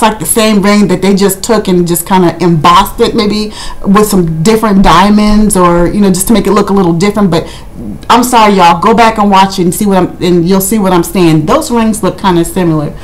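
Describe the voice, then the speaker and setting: A woman's voice: mid-range voice, low-quality recording. Chatty woman giving a casual recap. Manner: conversational, rambling, acts out others' quotes. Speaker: reality TV recap vlogger. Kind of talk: casual chatty review commentary.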